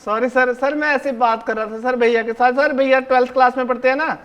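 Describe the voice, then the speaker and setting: A cheeky seventh-grade schoolboy, played by a man on stage in a one-man show, talking straight to the audience in a very high, boyish voice. He hushes and orders his classmates around and tattles to the teacher, sprinkling "sir" into every sentence. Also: fairly even intonation, brisk, clear, resonant tone. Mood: bossy, tattling. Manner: bossy, chatty, keeps hushing and ordering classmates; fawning toward the teacher, repeats "sir" constantly. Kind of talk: live solo stage acting, addressing the audience.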